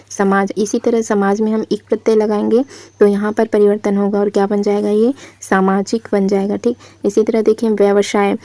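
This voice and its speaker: A woman teaching a spelling lesson in a patient, repetitive question-and-answer style, her voice mellow and steady with little rise and fall. The sound is close and dry, with no room around it. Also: mid-range voice, dry recording. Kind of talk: exam-prep spelling lesson.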